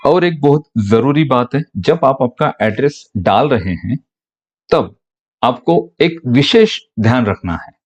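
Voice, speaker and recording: A man's voice: medium pitch, expressive, a little slow, highs cut off. A man patiently explaining a payment procedure step by step in a short instructional audio. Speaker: online business mentor.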